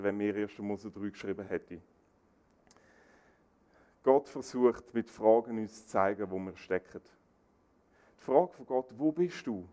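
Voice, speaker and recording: A man preaching a sermon, animated, acting out quoted dialogue. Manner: animated, acts out quoted dialogue with rising pitch.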